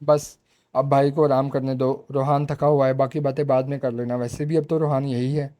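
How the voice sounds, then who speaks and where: Male narrator doing calm storybook mother, mellow. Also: medium pitch, moderate pace, lightly acted. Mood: fond. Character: middle-aged mother, fond and sensible.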